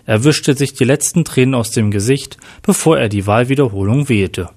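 A man narrating a story with plain, steady reading. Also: medium pitch, moderate pace, husky. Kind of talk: read-aloud story narration.

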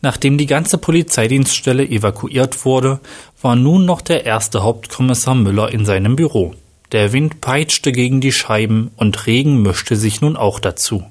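A male narrator reading a story aloud in a plain, steady way. His voice is husky and a bit breathy, at a middle pitch.

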